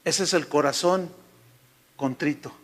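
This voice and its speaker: A man's voice: fairly high pitch, unhurried, fairly bright tone. A man preaching a sermon as a pastor, telling stories with animation and often calling his listeners "hermano". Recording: reverberant church hall.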